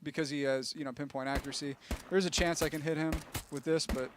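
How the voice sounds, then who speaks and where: A man casually explaining weapon tuning on a game livestream, relaxed and full of fillers. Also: a little high, fast, noisy background. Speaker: game developer.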